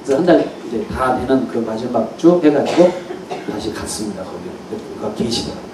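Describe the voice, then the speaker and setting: A middle-aged male pastor telling stories from the pulpit in a chuckling, animated way. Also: mid-range voice, a little fast. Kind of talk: storytelling sermon. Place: church hall at a mission conference. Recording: echoey hall, mic far off, faint hiss.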